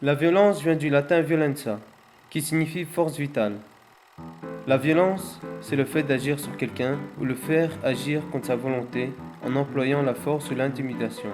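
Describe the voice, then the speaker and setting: A man's voice: medium pitch, steady tone, moderate pace. A man giving didactic scripted narration that defines terms. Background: plucked guitar music.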